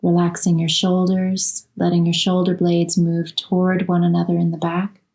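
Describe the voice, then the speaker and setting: A woman leading a guided yoga nidra relaxation, speaking in a slow, soothing and gently instructive way. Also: lowish voice, monotone, gravelly, rough recording. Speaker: meditation guide.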